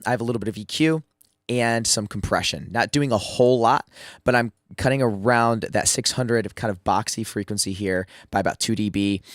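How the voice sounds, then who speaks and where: A man with a mid-range, slightly bright voice is heard in clean studio sound without echo. Sick and losing his voice, this music producer casually explains drum mixing in a screen-share tutorial, using lots of fillers and restarts.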